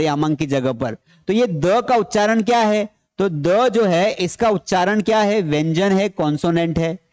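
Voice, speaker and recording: A man with a high voice gives a grammar lesson to a class. He repeats each point and asks questions he then answers himself. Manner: repeats key points, explains in Hindi mixed with English terms. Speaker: grammar teacher. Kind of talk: classroom lecture.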